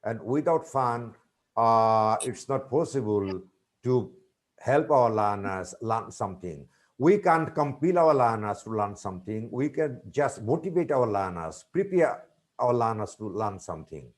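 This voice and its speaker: A middle-aged man answering questions in a teaching webinar, speaking in a measured, teacherly way with many filler pauses and repeated points. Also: mid-range voice, expressive. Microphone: video call.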